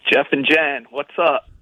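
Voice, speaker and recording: A man's voice: on the high side, no echo. Man on a tinny phone line. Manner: hesitant, full of "you know" and "like" fillers. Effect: heard over a phone line on speakerphone. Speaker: radio show call recipient. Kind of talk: casual phone chat.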